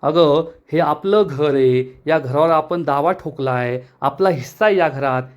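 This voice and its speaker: A man quoting an enraged aunt who scolds her daughter without letup, with a fairly high voice. Her threats and insults tumble out in a storyteller's recap. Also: unhurried, lightly acted. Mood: furious. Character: furious scolding middle-aged aunt and mother.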